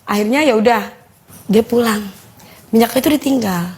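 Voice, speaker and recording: A woman with a Betawi Jakarta accent giving a casual personal testimony, telling her story in a lively way and acting out the voices of others. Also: fairly high pitch, normal speed, slight background noise. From Jakarta, Indonesia. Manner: animated storyteller who acts out quoted voices. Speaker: guest giving a faith testimony.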